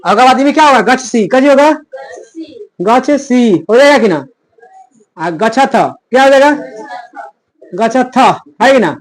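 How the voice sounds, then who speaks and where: A man's voice: extremely high pitch, expressive, measured pace, long pauses. A man teaching a Sanskrit grammar lesson in plain, rustic talk. He keeps asking a question and then answering it himself as a drill. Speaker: Sanskrit tutor.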